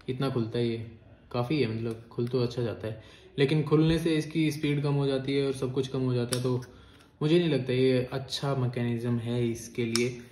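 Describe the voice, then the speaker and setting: A man giving casual, excitable commentary on toy battles as a video creator, chatting to his viewers. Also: medium pitch. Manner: chatty, excitable, calls viewers "bhai" and "guys". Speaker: YouTuber. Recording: echoey room with loud noise.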